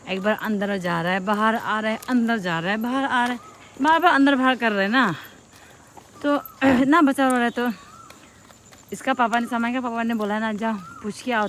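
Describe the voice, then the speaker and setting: A woman's voice: a little high, a bit bright. A young woman vlogger chatting through a long story, repeating herself and acting out what people said. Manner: chatty, repetitive, acts out the quotes. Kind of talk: casual storytelling. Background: traffic and street noise.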